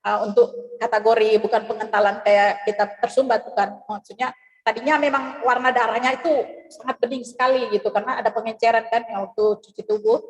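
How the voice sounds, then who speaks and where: Woman, middle-aged, giving a personal church testimony, fairly high voice, lively retelling, long reverb. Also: brisk. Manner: lively storytelling, acts out the voices of the people in her story. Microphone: video call.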